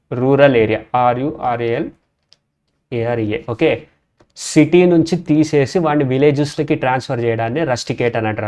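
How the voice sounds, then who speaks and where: A man's voice: mid-range voice, a little mellow. A man teaching English vocabulary in a casual lesson, spelling words out letter by letter and saying "okay" again and again. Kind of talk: casual lesson explaining word roots.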